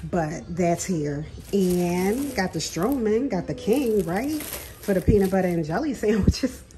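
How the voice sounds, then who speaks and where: Here the same kind of kitchen grocery vlog features a middle-aged woman with a medium-pitched, lively voice, speaking a little slowly. She laughs often and calls her viewers "girl" as she chats casually. Music plays underneath, the recording is rough, and a phone camera films her hands over the counter.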